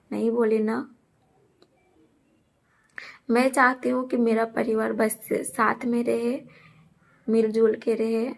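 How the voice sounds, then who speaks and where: Talking directly to her viewers in a casual vlog, a young adult woman repeats her points earnestly and defensively. Her voice is a bit high and gravelly, with a flat, even melody.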